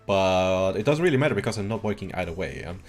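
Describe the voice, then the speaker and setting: A man's voice: sits low, lively intonation, quick pace, faint music behind. A man in his twenties from Switzerland, chatting casually and rambling through a game stream, chuckling now and then. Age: 20s. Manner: rambling, laid-back, chuckles often. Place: at home.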